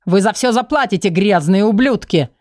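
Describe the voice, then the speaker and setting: A spiteful old shapeshifter spits slow, hissing threats that climb into shrill shrieks, as a woman reads him. He sounds venomous and cornered in a fantasy audiobook. The recording is dry and close, with no room around the voice. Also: expressive, a little mellow, no room sound, lightly acted. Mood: threatening. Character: old male shapeshifter villain, hateful, shrieking.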